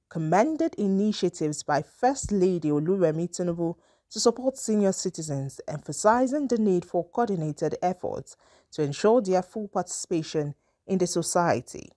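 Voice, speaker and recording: Woman, Nigerian accent, scripted news narration, dark soft tone, dry close mic. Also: fairly low pitch, no echo. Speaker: news reporter.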